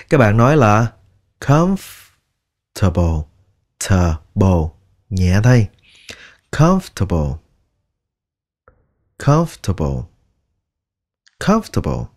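A man teaching English pronunciation, drilling each word slowly and repeating it many times. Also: lowish voice, a little mellow. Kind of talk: slow, deliberate pronunciation lesson.

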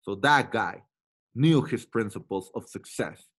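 A man giving a motivational training talk to a sales team. He is emphatic and repeats himself, swinging between loud bursts and quiet asides. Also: fairly low pitch, animated, a little slow, breathy edge. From Latin America.

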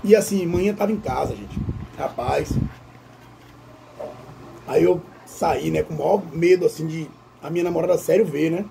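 A man who tells a story to his viewers while eating, in an animated way and often calling out to them. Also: on the high side, moderate pace, creaky, long pauses, slight background noise. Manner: animated, addresses viewers as "gente". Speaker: vlogger. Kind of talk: casual storytelling during a mukbang.

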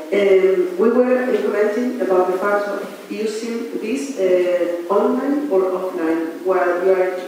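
A young woman from Chile, hoarse today, asking a hesitant question from the audience of a lecture hall. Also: fairly low pitch, darkish tone, slight background noise. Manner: hesitant, apologetic. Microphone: handheld mic. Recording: echoey hall, distant.

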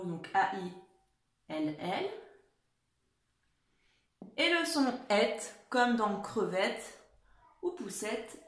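Slow, patient woman teaching children. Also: mid-range voice, a bit bright, reverberant. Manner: slow, patient, spells words letter by letter. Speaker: primary school teacher. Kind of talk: dictation lesson for young children.

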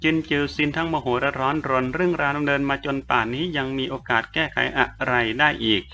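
A man narrating an audiobook novel in a steady, measured storytelling manner. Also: mid-range voice, highs cut off. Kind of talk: scripted narration.

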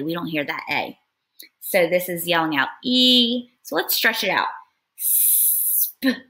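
Bright-voiced woman teacher reading aloud. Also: fairly low pitch. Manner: patient, explains step by step, sounds words out. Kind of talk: read-aloud reading lesson.

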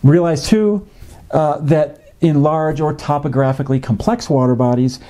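A man in his fifties explains fishing in a measured, educational way, with frequent "uh" fillers. He sits in a home office. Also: on the high side, warm tone. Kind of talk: educational narration. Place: home office with a desktop computer.

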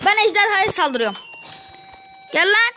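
A woman playing a video game with her son, giving quick orders and scolding. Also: extremely high pitch, very animated. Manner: bossy, hurried, calls out orders. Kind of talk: casual gameplay chat. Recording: noisy home recording.

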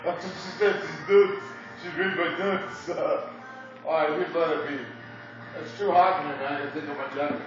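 A rambling, crude man in his fifties from Indiana drifts from story to story with chuckles in between, his voice pitched fairly high. He is heard from across a very echoey coffee shop on a dull, muffled recording. Faint music plays behind him. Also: steady tone, normal speed, fairly bright tone, far from the mic. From Indiana, USA. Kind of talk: rambling monologue.

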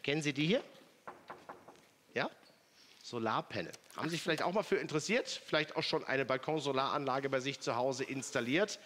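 A man's voice: medium pitch, a little fast, fairly bright tone. A man presenting an infomercial product demonstration in a chatty, persuasive way, putting questions to the viewers.

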